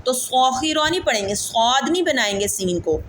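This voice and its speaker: A woman with a Pakistani Urdu accent teaches Quran reading in a patient, drilling manner, spelling out letters slowly and asking her class to repeat. Her voice sits high. A faint hiss of noise runs under the recording. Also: lively intonation, a bit bright.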